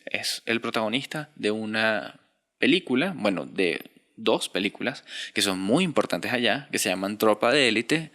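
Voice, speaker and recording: A man teaching screenwriting in a relaxed, conversational lecture, often asking his listeners rhetorical questions. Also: fairly low pitch. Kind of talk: online lecture.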